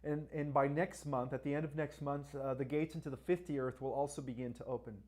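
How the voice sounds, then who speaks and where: Talking a little fast with fairly even intonation, a livestream host with a Spanish accent and a darkish, mid-range voice fields questions from viewers. His delivery is emphatic, peppered with "all right" and "right?", and he urges people to like and share.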